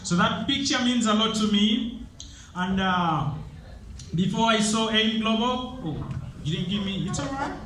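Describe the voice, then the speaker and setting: A Ugandan man with a high-pitched voice presents a motivational seminar in a large hall, energetically rousing the audience and drilling them with repeated call-and-response questions at a measured pace. The recording is echoey, with a distant mic and crowd noise.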